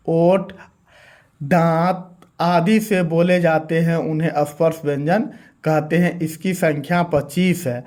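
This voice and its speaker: High-voiced man teaching Hindi grammar. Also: a little mellow. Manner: asks the class questions and answers them himself; repetitive, step-by-step explaining. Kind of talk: classroom lesson.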